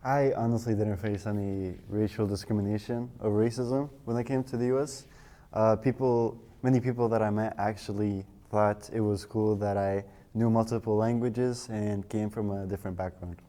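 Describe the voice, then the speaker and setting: Young man from Saudi Arabia, low dark voice, calm and measured. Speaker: guest.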